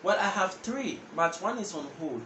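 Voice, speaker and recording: His voice is high-pitched, expressive, pushed and bright, delivered at normal speed. The young man, a language teacher and channel host with a Ghanaian accent, leads a casual lesson straight to camera, repeating words as he explains each step. An indoor room with a patterned wall sets the scene, and the sound is echoey with background noise.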